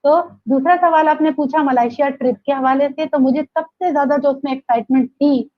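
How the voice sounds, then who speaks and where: A Pakistani woman with a high voice speaks a little fast as an interview guest, a direct-sales leader giving an enthusiastic, motivational testimonial. She is emphatic and repeats phrases for effect. The recording is muffled but has no echo.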